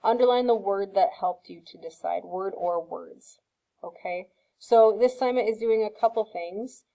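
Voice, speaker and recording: A woman's voice: mid-range voice, normal speed, creaky, mellow, rough recording. A woman teacher giving a recorded screen-share science lesson, explaining patiently with frequent ums and checks of "okay?".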